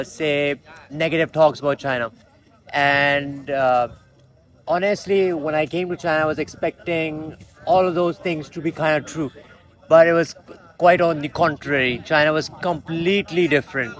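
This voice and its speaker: A man's voice: fairly high pitch, steady tone, normal speed, low-quality recording. A young man from Pakistan talking keenly in a documentary interview, with fillers and restarts. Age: young adult.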